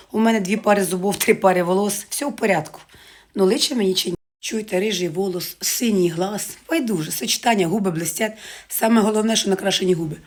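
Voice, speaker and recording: Fast-chatting woman vlogger. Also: mid-range voice. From Ukraine. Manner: chatty, joking, addresses viewers as girls. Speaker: market vlogger. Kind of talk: casual live chat to viewers.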